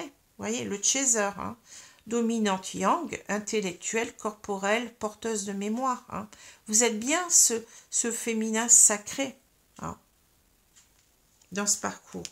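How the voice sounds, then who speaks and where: A woman's voice: mid-range voice, gravelly. A woman with a French accent reads tarot cards to her viewers, speaking hesitantly with many fillers while she has hiccups. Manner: hesitant, many fillers and tags like "hein" and "vous voyez". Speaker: tarot card reader. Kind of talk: spiritual tarot reading to viewers.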